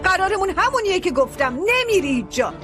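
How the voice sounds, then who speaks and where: Sharp-tongued bossy mom in a tv drama, high voice, scornful, bit of music behind. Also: female voice, very animated. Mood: scolding. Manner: commanding, scornful, sarcastic. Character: domineering scheming wealthy mother, sharp-tongued landowner. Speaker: mother. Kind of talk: dubbed TV drama.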